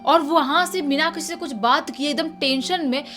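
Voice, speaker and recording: A woman tells a horror story in a casual, chatty way, circling back over her words as she goes. Her voice sits high, and soft music plays faintly underneath. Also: moderate pace. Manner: chatty, repetitive, animated retelling. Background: faint background music.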